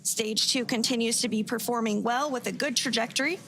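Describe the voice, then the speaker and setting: A woman giving live launch commentary, explaining each step in a measured way. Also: steady tone, a bit bright. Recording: very noisy feed with rumbling background.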